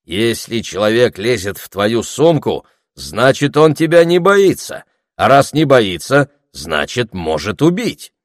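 A man narrating an audiobook in a calm, even storytelling manner. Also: mid-range voice, unhurried, no echo, studio quality. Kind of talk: scripted narration.

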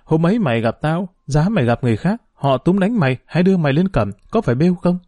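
A man's voice: fairly high pitch, lively intonation, fast talker, warm tone, no room sound, voice pushed up. A man voicing an earnest, principled poor boy in an audiobook, talking in an advising way.

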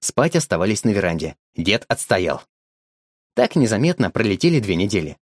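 Lively male audiobook narrator, dry sound. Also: lowish voice, normal speed, no echo. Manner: expressive, lively storytelling.

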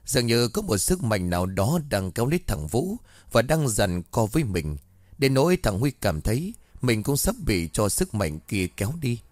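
A man narrating a ghost story in a lively storytelling manner. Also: on the low side, normal speed, no room sound.

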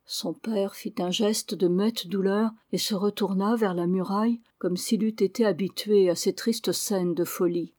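A woman reading a classic adventure novel aloud in slow, measured literary narration. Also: medium pitch, fairly even intonation, darkish tone, dry recording, clean studio sound. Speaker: audiobook reader.

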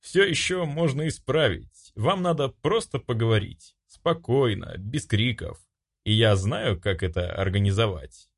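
Man voicing a remorseful father, soft, soothing, audiobook. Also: low voice, wildly swooping pitch, moderate pace, gravelly, exaggerated voice. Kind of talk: audiobook character voice.

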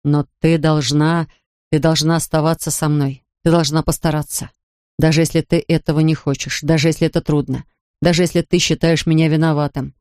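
A narrator voicing a grieving father who talks softly, slowly and tenderly to his daughter. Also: flat delivery, clean tone, no room sound, studio quality, close to an everyday voice. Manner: soft, low and slow, pleading. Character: grieving gentle father, a big man. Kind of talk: audiobook character voice.

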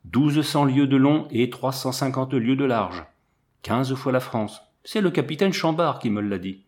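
A man reads a classic story aloud in the first person, with steady, measured pacing. His voice sits at a middle pitch, neither high nor low, and he tells the tale patiently. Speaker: audiobook narrator. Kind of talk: first-person audiobook narration.

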